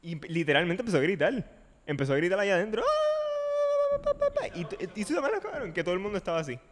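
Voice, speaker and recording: Lively man telling a story. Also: high voice, racing, very noisy. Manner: animated storytelling, laughs often. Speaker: podcast host. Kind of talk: casual chat. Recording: long reverb.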